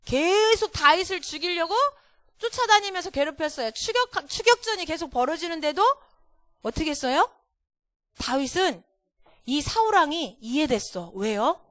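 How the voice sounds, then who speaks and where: High-voiced woman quizzing children. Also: lively intonation, normal speed, fairly bright tone, dry recording, studio quality. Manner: storytelling, constantly quizzing the children. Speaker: children's Sunday school teacher. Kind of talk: children's sermon.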